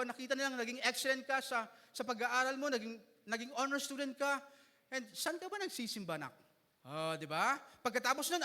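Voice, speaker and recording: A male pastor delivers a sermon, sliding between Tagalog and English and joking with his congregation. His voice sits very high and rings bright and forceful. The sound carries the long reverb of a church hall.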